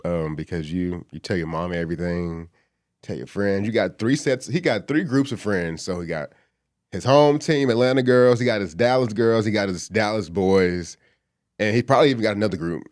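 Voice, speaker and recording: A man's voice: fairly low pitch, moderate pace, darkish tone, no echo, studio quality. A man co-hosting a casual podcast, laid-back and dryly teasing. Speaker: podcast co-host.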